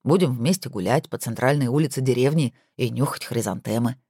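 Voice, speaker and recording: A woman's voice: rumbling low, fairly quick, warm tone, slightly rough, no room sound, voice pushed down. A woman voicing a teasing, self-important rich husband on the phone, with dry mock-pompous humor.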